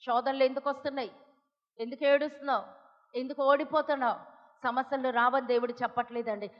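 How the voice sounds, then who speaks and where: An Indian woman pastor with a Telugu accent, preaching an impassioned sermon that swings from loud pleas to hushed asides. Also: sits high. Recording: dull audio with long hall reverb.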